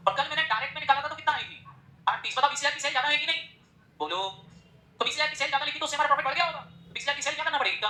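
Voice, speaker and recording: Male teacher, lecture mode, quick-fire quizzing of the class; fast and bright delivery, roomy echoey recording. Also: very high-pitched. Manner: drills the class with rapid-fire questions. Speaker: accounting teacher. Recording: echoey room.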